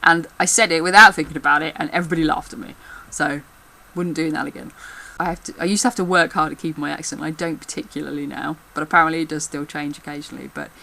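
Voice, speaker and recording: A woman's voice: sits low, fairly even intonation, quick pace, creaky, few pauses, bright, forceful tone, low-quality recording. A middle-aged woman with a Midlands accent, chatting casually to camera in a rambling way and laughing often. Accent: English Midlands. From English Midlands. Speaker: vlogger. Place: room at home. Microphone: camera mic.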